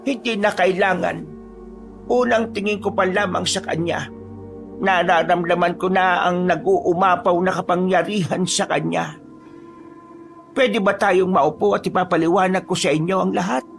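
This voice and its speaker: A man voicing a wise old female village healer in a calm, knowing storytelling tone. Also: high voice, normal speed, vocal fry, soft background music, voice pushed up. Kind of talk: storytelling voice acting.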